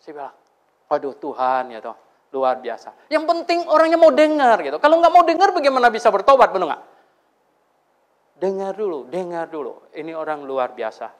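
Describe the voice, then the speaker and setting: A man preaching a Sunday sermon to a congregation, telling stories and questioning his listeners in an animated way. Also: high-pitched, moderate pace. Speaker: pastor. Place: church before a congregation.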